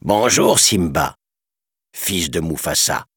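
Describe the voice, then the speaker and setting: Rafiki, a wise old monkey, gentle, as a man voices him. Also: sits low, expressive, slow, slightly rough, dry recording, clean studio sound, full character voice. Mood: kindly.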